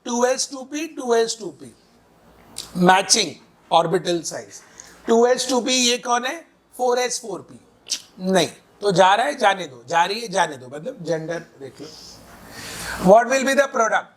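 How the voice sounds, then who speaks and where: A man's voice: high voice, expressive, slow pace. A man teaching chemistry in a classroom lecture, quizzing students with repeated questions and mixing in playful breakup jokes.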